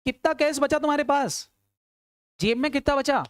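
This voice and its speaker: A woman teaching accounts to a class, firing questions at her students, urging quick answers and often answering them herself. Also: high voice, no echo, studio quality. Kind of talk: classroom lecture.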